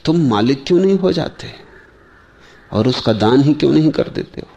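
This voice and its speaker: A man delivers a spiritual discourse in a slow, measured way, with long pauses between short phrases. His voice is mellow and dark, with a gravelly edge. He often turns to his listeners with rhetorical questions. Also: fairly high pitch, lively intonation, muffled recording, slight background noise. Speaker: spiritual teacher.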